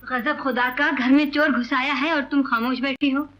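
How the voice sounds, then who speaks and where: An actress playing a brisk, scolding lady of the house in a 1940s film. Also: high-pitched, fairly even intonation, fairly bright tone, soft background music, low-quality recording.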